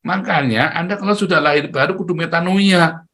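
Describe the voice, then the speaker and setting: A middle-aged man preaching a sermon in a lively way, often laughing and calling out to his listeners. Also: a little high, a little fast.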